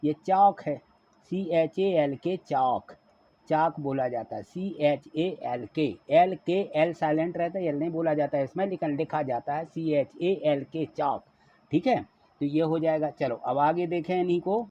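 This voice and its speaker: Male teacher, fairly high voice, husky, spells words letter by letter, asks questions. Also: unhurried, warm tone. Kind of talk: classroom lesson explaining a worksheet. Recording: dull lo-fi recording.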